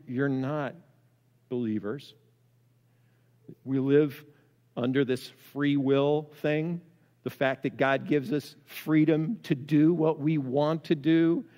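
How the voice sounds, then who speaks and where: Pastor guy preaching, chatty and animated, kinda high voice, echoing big church hall. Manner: animated, conversational preaching with frequent restarts. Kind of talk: sermon. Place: church sanctuary. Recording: long church hall reverb.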